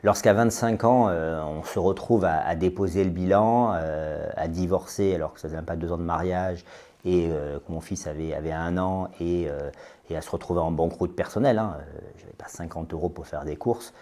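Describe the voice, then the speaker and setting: A man's voice: sits low, moderate pace, warm tone. A man in his late thirties speaking as a guest in a podcast interview, hesitant, with many fillers and repeated words. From France. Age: 30s. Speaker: interview guest, business owner.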